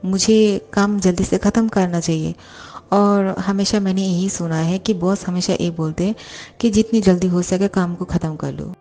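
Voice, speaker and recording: A woman's voice: lowish voice, fairly even intonation, normal speed, warm tone, soft background music, close to an everyday voice. A woman voicing a shy young male secretary who speaks politely and anxiously to his boss.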